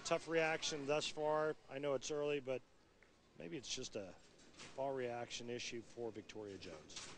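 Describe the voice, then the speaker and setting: A middle-aged American commentator analyzes the action at a televised bowling championship, explaining things in a conversational way. He speaks at a measured pace in a medium pitch, his broadcast competing with the loud noise of the bowling centre.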